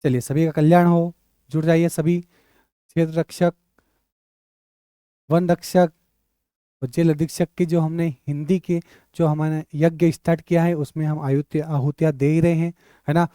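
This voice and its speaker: A male teacher leading an online exam-prep class, drilling letters aloud and repeating questions to his students with lively energy. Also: on the high side, moderate pace, pauses often, clear, resonant tone, dry recording, clean studio sound.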